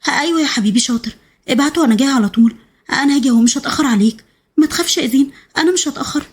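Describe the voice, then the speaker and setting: Woman reading an urgent loyal girlfriend, Egyptian accent, very fast, high, storybook. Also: close to an everyday voice. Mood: frantic. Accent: Egyptian Arabic. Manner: urgent, rapid, coaxing with a child. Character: frantic loyal female friend, protective and urgent.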